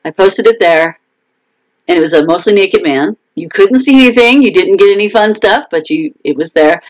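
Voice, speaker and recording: A woman's voice: medium pitch, animated, moderate pace, poor audio. A woman author chatting casually on her own live video stream, talking through frustrations with fillers and restarts.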